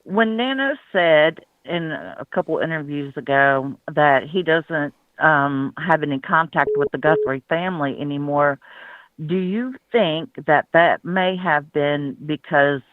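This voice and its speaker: A woman's voice: low-pitched, a little slow, no echo. A woman caller from Northeast Tennessee, chatty and playful. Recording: dry, tinny phone line.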